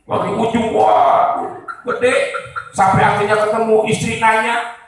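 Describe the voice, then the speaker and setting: Before a live audience, a man preaches a humorous sermon in an unhurried, high-sitting voice with little pitch movement. This comedic preacher tells stories, speaks to the crowd frequently, and prays aloud with dramatic flair, all captured in a very echoey, distant venue recording.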